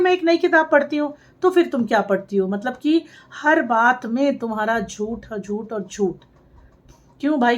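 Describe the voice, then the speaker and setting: A woman's voice: high voice, muffled recording. A woman making a reaction vlog, scolding and sarcastic, talking straight to the camera. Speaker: vlogger.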